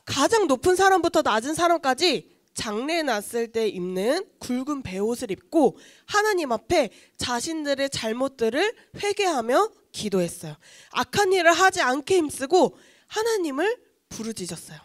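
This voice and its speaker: A woman's voice: high-pitched, sing-song, normal speed, no echo, clean studio sound. A woman children's pastor telling a Bible story to kids, asking them questions as she goes. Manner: asks the children questions, acts out quotes.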